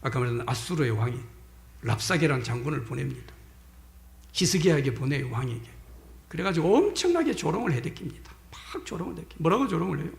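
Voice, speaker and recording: Man, pastor, sermon, lively pitch swings, loud stresses and whispered asides, rhetorical questions, echoey church hall. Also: fast, gravelly. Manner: emphatic preaching that swings between loud stresses and hushed whispers; addresses the congregation directly with rhetorical questions. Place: church sanctuary during a Sunday service.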